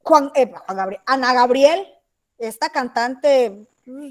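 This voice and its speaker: A woman with a Mexican accent teaches a class over a video call. Her voice sits high, and her talk is chatty, with frequent checks that everyone is following along. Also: animated, slow pace. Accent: Mexican Spanish. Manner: chatty, asks checking questions. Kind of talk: online class lecture.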